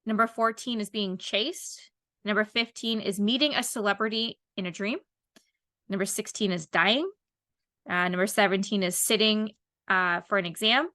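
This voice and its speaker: Bright-voiced chatty woman in her thirties. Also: mid-range voice, steady tone, normal speed, no echo, clean studio sound. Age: 30s. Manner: rambling, lots of "like" fillers. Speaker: podcast host. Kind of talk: casual chat.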